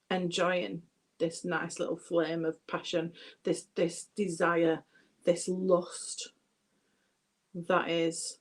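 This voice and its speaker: A British woman giving a chatty live tarot reading, addressing viewers by name and thinking aloud as she turns the cards. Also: fairly low pitch. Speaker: tarot reader.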